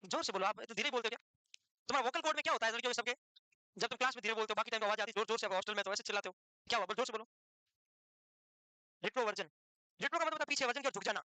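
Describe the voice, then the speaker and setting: A quick-talking man with an unusually high, bright voice lectures a live nursing class. He teases his students and pushes them with rapid questions. The sound is close and dry, with little room echo. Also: clear, resonant tone. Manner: teasing, fires questions at students.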